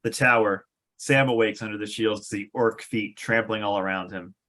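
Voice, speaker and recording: A man with a fairly low, sharp-toned voice reads the stage directions of a screenplay at a table read. He keeps a moderate pace and fairly even intonation, while his amused, sardonic manner comes through in wry asides on the film script.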